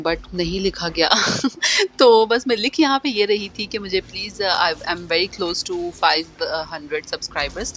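A woman's voice: medium pitch, a bit bright, a little hiss or hum. A young woman, narrating her home cleaning vlog in a chatty voice-over that slips between languages. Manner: chatty, mixes in English phrases, many fillers. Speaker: vlogger and homemaker. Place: home, living in London.

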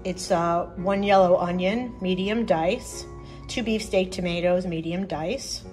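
In an indoor home kitchen, with music and sizzling, frying sounds in the background, a middle-aged cooking show host casually walks through a recipe step by step. She speaks at a measured pace in a fairly low, slightly mellow voice.

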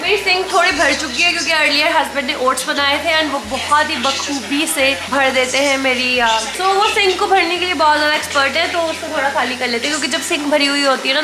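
A home cook with a high-pitched voice vlogs from her indoor kitchen, chatting casually while cooking and slipping English words into her speech. The kitchen sounds echoey, and appliance noise is clearly audible.

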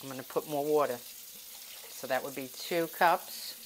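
Speaking at normal speed in a bass voice, a home cooking vlogger casually walks viewers through a recipe in her kitchen. She rambles and confides in them as she cooks. The poor recording has slight background noise.

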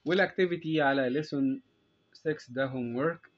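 A man with an Egyptian Arabic accent explaining a recorded English lesson for young children, slow and patient, drawing out each English word. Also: mid-range voice. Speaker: English teacher. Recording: dull lo-fi sound.

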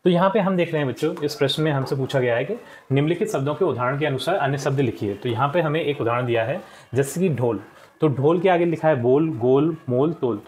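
A man's voice: a little high, fast, a little mellow, slight background noise. A man teaching young pupils, patiently going through textbook answers and often repeating words. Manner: patient, repeats answers, frequent "theek hai". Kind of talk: explaining a textbook lesson.

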